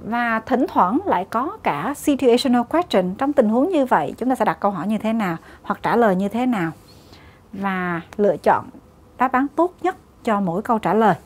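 With a fairly high, expressive voice at a moderate pace, this Vietnamese-accented woman teaches English exam prep. Explaining in Vietnamese, she goes through each question methodically, step by step, and weaves English terms into her explanations.

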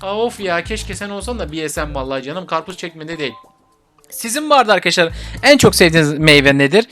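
A young man with a high voice jokes his way through a VR game and teases the characters while he talks to his viewers. Soft game music plays faintly behind him. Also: animated, quick pace. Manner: playful, teasing the fruit patients, chatty with viewers. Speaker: gaming YouTuber. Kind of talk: VR game commentary.

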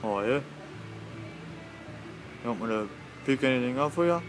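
A man plays a gruff street bloke in a silly mismatched redub. He is curt and dismissive, at a middling pitch. Music is clearly audible behind the voice. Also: animated, moderate pace, lightly acted. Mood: casual. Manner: curt, blunt. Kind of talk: silly mismatched comic redub of distant people.

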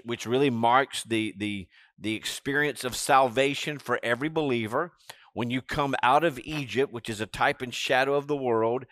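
A man in his fifties preaches from a church stage in an easy, chatty manner, often checking in with his listeners. His voice sits at an ordinary pitch and is picked up dry and close on a headset mic. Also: a bit bright, no echo. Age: 50s. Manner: conversational preaching with frequent "right?" and "amen", gesturing while seated. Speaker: pastor. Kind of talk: sermon. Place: church stage, seated on a stool.

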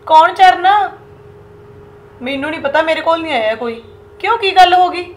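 A woman's voice: very high-pitched, animated, moderate pace. An actress playing a defiant young daughter-in-law with a Punjabi accent who talks back to her in-laws. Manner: defiant, retorting.

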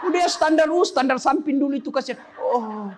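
A man's voice: extremely high pitch, animated, fairly quick. A man preaching a humorous sermon, joking with the crowd and quizzing them with questions. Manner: joking, chatty, quizzes the audience. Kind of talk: humorous sermon to a live audience.

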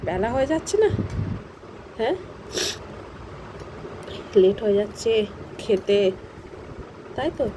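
A woman's voice: fairly high pitch, expressive, slow, long pauses. A woman filming a casual home vlog, coaxing her pet dog in affectionate baby talk. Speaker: dog owner. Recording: traffic noise behind.

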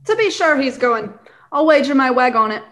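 A young woman playing a blustering, boastful gentleman squire in a radio play, pompous and excitable. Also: sits high, moderate pace. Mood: blustering, determined. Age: young adult.

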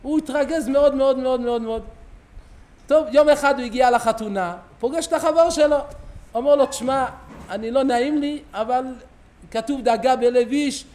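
A man's voice: very high-pitched, darkish tone. A middle-aged man, a rabbi, giving a sermon in a synagogue, telling stories and acting out the quoted dialogue with animation. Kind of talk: sermon with storytelling.

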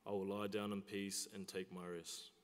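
A low, steady young male voice leads the prayers, keeping an almost unchanging tone. He speaks at a lectern in a large chapel, and a long reverb lingers behind each phrase. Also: normal speed, slight background noise. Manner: steady, even recitation. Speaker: student leading prayer. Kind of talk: reciting liturgical prayers. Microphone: lectern mic.

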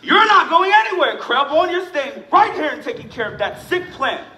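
Man acting a high, blustering shop boss on stage. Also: animated, moderate pace. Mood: bossy. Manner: loud, blustering, exclamatory. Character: gruff, excitable, bossy male flower shop owner. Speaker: stage actor. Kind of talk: stage musical theatre dialogue. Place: school stage, recorded from the audience. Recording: distant echoey theatre auditorium recording.

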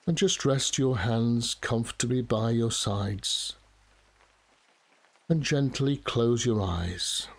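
A man leads a guided meditation in a soft, soothing voice of medium pitch. He speaks very slowly, leaving long pauses between short phrases. Steady rain falls behind him. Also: vocal fry. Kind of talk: guided relaxation meditation narration.

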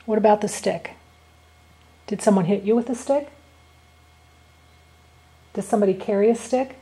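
A woman's voice: mid-range voice, normal speed, warm tone. A woman working as a paranormal investigator, politely putting short, simple questions to spirits. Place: indoor classroom at night.

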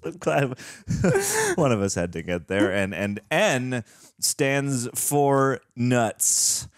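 A young man co-hosting a reaction show, joking through a playful shout-out segment. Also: mid-range voice, wildly swooping pitch, drawn-out words, no echo, clean studio sound. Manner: playful, mock-grand wordplay. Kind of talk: casual chat.

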